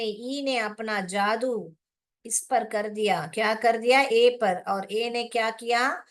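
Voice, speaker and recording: In an online phonics class, a woman with a slightly high, somewhat bright voice teaches patiently, explaining step by step. She often asks rhetorical questions and fondly calls her learners children.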